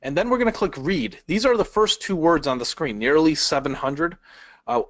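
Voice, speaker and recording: A man teaching a speed reading webinar from a laptop, talking conversationally, asking the audience questions and changing his pace and loudness for emphasis. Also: fairly high pitch, animated, moderate pace, dry recording, low-quality recording. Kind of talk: webinar lesson. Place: indoors at a laptop.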